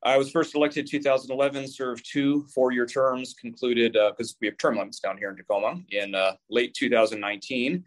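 A man's voice: mid-range voice, fairly even intonation, fairly quick, hardly any pauses. A man in his thirties, a real estate broker being interviewed, articulate but often restarting words. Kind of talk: casual interview.

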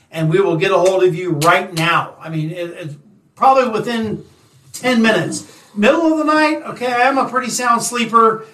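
High-pitched male host, echoey and distant. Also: a bit bright. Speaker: show host. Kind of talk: casual video show hosting.

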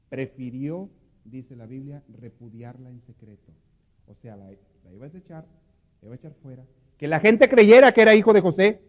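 Male priest, higher voice, sermon swinging between hushed and impassioned; dull, reverberant church recording. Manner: swings from hushed murmurs to loud impassioned pleading. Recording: dull lo-fi audio with long hall reverb.

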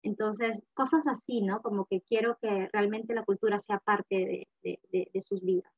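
Woman, guest, chatty and warm-paced, dull lo-fi mic. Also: medium pitch, steady tone, moderate pace, slightly rough. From Peru. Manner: chatty, frequent fillers and laughter. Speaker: guest, mother. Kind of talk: casual conversation. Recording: slightly dull lo-fi recording.

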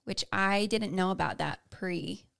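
A woman's voice: mid-range voice, unhurried, gravelly, fairly bright tone. A young woman co-hosting a podcast, candidly telling personal stories in casual chat. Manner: candid, personal storytelling with fillers. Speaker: podcast co-host.

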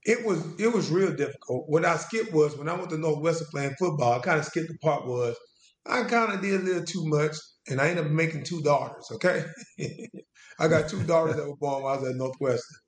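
Man in his forties, somewhat high voice, unhurried and halting, echoey room. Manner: casual Southern US speech, drawn-out and halting with restarts. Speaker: interview guest, veteran. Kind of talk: conversational storytelling. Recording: roomy echo.

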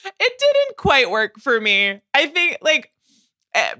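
Bright-voiced chatty woman podcast host. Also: high-pitched, slow pace, dry recording. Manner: animated, chatty, with many restarts and fillers. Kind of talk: casual music discussion.

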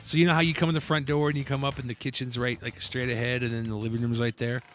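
Man telling a lively story on a podcast. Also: medium pitch, fast, faint music behind. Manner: animated storyteller, acts out quotes with laughs. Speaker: podcast co-host. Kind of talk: casual storytelling chat.

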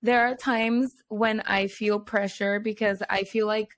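A woman's voice: mid-range voice, fairly even intonation, a little slow. Casual young Spanish-speaking woman co-host. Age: 20s. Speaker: podcast co-host. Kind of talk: casual chat.

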